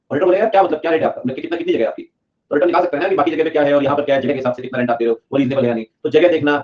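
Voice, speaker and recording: A young man from Delhi, India, gives a lively, animated accounting lecture, playing both an auditor and a client in funny voices during acted skits. His voice is a little high, and the lo-fi recording sounds dull.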